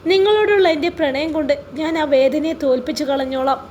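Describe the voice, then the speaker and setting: A woman voicing a devoted widowed mother who speaks softly and with emotion in a storybook reading. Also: sits high, fairly quick, highs cut off, a little hiss or hum, natural voice. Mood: longing.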